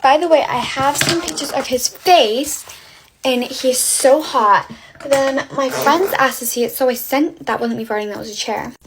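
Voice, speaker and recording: A young woman telling a get-ready-with-me storytime while doing her makeup, gushing and filling every pause with "like". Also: high voice, noisy background. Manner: gushing, filler-heavy valley-girl chatter.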